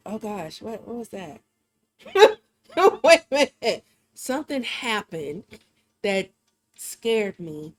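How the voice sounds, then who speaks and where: A woman's voice: medium pitch, a little mellow. A woman hosting a live drawing stream, chatting casually and laughing often as she thinks aloud. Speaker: livestream art host.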